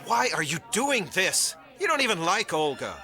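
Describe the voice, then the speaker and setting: A man's voice: high-pitched, sing-song, moderate pace. Oily smug con man in a cartoon, voice going up and down a lot, music playing. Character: smooth-talking lying con man fiancé, adult male. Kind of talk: cartoon voice acting.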